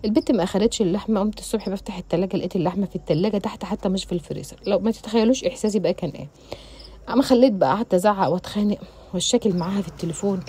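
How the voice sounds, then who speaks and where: A middle-aged woman with an Egyptian accent, chatting rapidly and directly to her viewers as a home cooking vlogger. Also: mid-range voice, dark tone, husky. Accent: Egyptian Arabic. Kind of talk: casual chatty storytelling to viewers.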